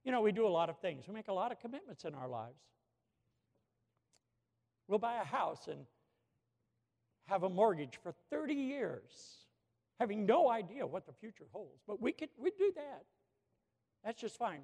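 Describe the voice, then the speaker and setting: A man preaching a sermon in a church, telling a story with animated swings from hushed to shouting. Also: sits high, moderate pace, gravelly, pauses often. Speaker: pastor. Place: church sanctuary with a balcony. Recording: long hall reverb from a church.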